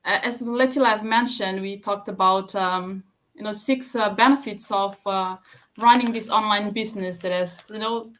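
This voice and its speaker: A woman's voice: medium pitch, fairly even intonation, moderate pace, a bit bright. Fiji-born woman with a hesitant delivery. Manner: hesitant, with many fillers and restarts. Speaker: guest speaker on a business live stream. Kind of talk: live stream talk. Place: home.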